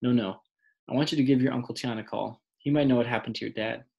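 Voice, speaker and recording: A man voicing a quiet, worried mother. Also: medium pitch, steady tone, fast talker, vocal fry, muffled recording, close to an everyday voice. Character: worried middle-aged mother, soft and weak. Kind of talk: audiobook reading.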